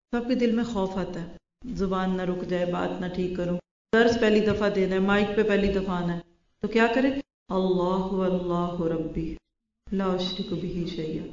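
A woman's voice: medium pitch, a little mellow. A woman teaching a Quran lesson to a class of women, asking her listeners question after question. Her voice sits in the middle of the range. The recording is muffled and lo-fi, with a noticeable room echo. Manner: asks the class rhetorical questions. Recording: roomy, dull lo-fi recording.

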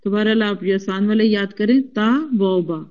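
A woman teacher giving a classroom lesson. She spells out root letters at a slow, deliberate pace and keeps coaxing the class to say them back. Her voice is at a middle pitch, caught on a somewhat muffled, lo-fi recording. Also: little pitch movement, a little mellow. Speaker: Quran Arabic teacher.

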